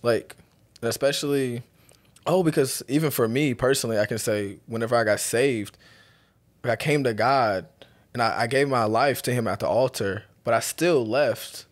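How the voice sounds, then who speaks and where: A man's voice: mid-range voice, moderate pace. A man co-hosting a podcast, talking earnestly about faith and mindset in casual chat. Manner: earnest, reflective, quotes sayings. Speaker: podcast co-host.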